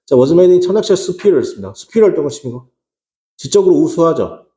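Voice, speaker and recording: A man's voice: on the high side, sing-song, moderate pace, warm tone, roomy sound. A man teaching English exam prep in Korean, asking rhetorical questions and answering them himself, with casual slang asides. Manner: rhetorical questions, repeats "어떻게 한다?".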